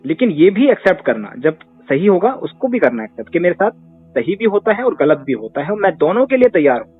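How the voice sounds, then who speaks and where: Speaking fairly quickly in a high, husky, sing-song voice, a man gives advice as a therapist in a conversational Q&A. He makes his points with emphasis and rhetorical questions, and the audio is tinny like a phone line, with faint music underneath.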